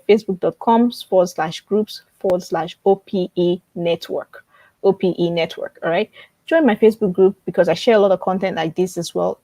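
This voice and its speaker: An online publishing coach runs a live webinar, teaching informally, promoting her work and answering viewer questions. Her medium-pitched voice has a warm tone, and she often repeats key phrases and checks in with viewers. The recording is close and dry, with little room echo.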